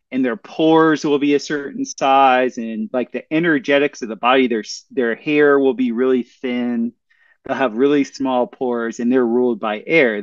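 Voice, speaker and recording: A man explaining things in casual conversation, in an earnest and somewhat halting way. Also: mid-range voice, no echo, dull audio. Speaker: bodywork practitioner.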